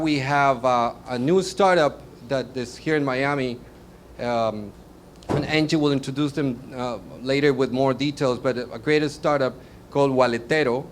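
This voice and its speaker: A man introducing a panel at a live event, speaking in a halting way with frequent restarts and fillers. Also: mid-range voice, slight background noise. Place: meetup event venue.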